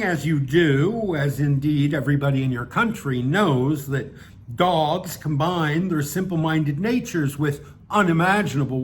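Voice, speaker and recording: A man's voice: on the high side, slight background noise. A man reading his own humorous essay aloud, with a dry, wry delivery and offhand asides.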